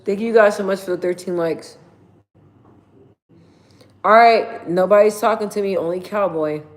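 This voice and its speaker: A woman's voice: mid-range voice, moderate pace. A woman in her thirties chatting casually with viewers on a livestream from her mother's house, rambling with lots of fillers and slang. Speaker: livestream host.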